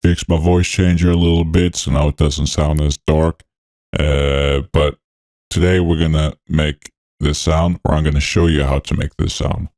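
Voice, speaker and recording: Man through a very deep voice changer. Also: flat delivery, normal speed, darkish tone. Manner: laid-back and technical, with frequent fillers. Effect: voice changer deepening his voice. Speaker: music production tutorial host. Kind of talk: walkthrough narration over a screen recording.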